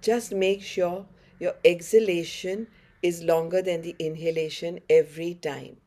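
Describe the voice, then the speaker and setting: A woman's voice: on the low side, steady tone, measured pace, warm tone. A middle-aged woman with a North Indian accent teaching a yoga class in short, encouraging instructions. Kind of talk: guided online class instruction. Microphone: facing camera, head-and-shoulders webcam framing.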